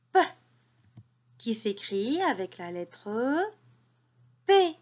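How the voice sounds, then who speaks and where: A woman teacher giving a reading lesson to young children, speaking slowly and clearly and encouraging them to repeat after her. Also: on the high side, lo-fi sound. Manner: slow, clearly articulated, encouraging.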